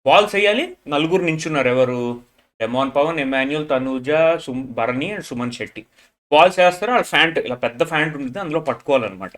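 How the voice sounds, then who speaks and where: Fast-talking man reviewing. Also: lively intonation, a bit bright. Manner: frank, mixes English phrases, mimics people in low mocking voice. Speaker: show reviewer. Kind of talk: casual opinionated review monologue.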